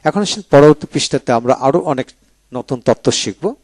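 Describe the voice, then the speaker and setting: A man's voice: mid-range voice, lively intonation, a little fast, a little mellow, dry recording. A man teaching English pronunciation in a video lecture, spelling out each word letter by letter and then repeating it.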